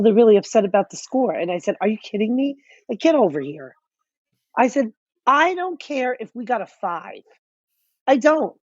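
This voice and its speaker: A woman co-hosting a podcast recounts a story in animated, casual chat. Her voice sits in the middle of the range. The recording is dry and a bit dull, with little air around it. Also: mid-range voice, no echo. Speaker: color guard instructor, podcast co-host.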